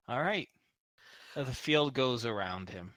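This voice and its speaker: A man's voice: mid-range voice, fairly bright tone, dry recording. A man acting as game master, narrating and refereeing a tabletop role-playing game in a conversational, explanatory way.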